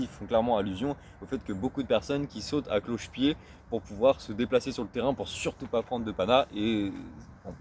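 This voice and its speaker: A man casually explaining in a vlog who often stops to search for words and repeats himself, and who reads English phrases slowly and self-consciously. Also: lowish voice, darkish tone, slight background noise. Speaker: street football vlogger.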